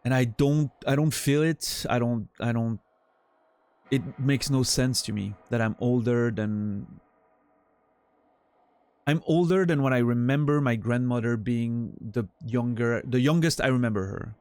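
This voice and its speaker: The recording is dry, carrying a medium-pitched voice that's darkish, clear and resonant at a measured pace. It belongs to a man around forty from Romandy who speaks with a Swiss French accent, chatting loosely with his stream audience, rambling, mocking himself and trailing off with fillers.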